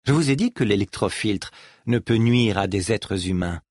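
A man doing a soft, menacing scientist. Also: lowish voice, lively intonation, moderate pace, husky, no room sound, clean studio sound. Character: smooth menacing male scientist. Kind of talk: audiobook reading.

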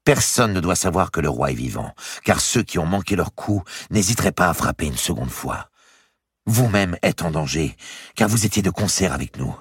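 A man's voice: low voice, very animated, moderate pace, husky, no room sound, clean studio sound, pitched above the performer's own voice, exaggerated voice. A man reading the part of a noblewoman who firmly and insistently persuades a grieving girl. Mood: urgent coaxing. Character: noble older woman, firm, coaxing, protective. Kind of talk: audiobook character reading.

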